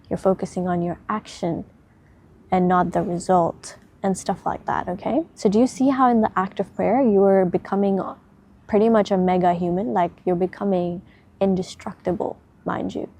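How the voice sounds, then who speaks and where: Casting: a woman talking straight to her viewers about faith, chatty and direct, with a steady mid-range voice and frequent tag questions. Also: medium pitch. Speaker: spiritual content creator. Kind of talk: casual spiritual advice talk.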